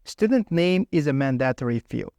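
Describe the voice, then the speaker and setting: A man runs a mock technical interview, setting up scenarios and asking questions. His mid-pitched voice has noticeable creak. The recording is dry, with little room sound. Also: expressive, moderate pace, a little mellow, no room sound.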